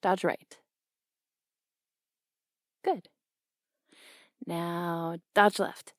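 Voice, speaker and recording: A young woman voicing a brash, teasing tomboy boxing coach in an audio role-play, blunt and quick to laugh. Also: fairly low pitch, fairly even intonation, dry recording, clean studio sound.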